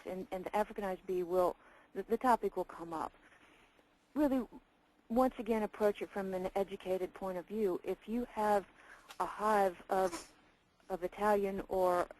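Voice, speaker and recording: Woman answering bee questions, relaxed warm voice, calm and reassuring. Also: medium pitch, low-quality recording. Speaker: bee removal expert. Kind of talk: webinar answer.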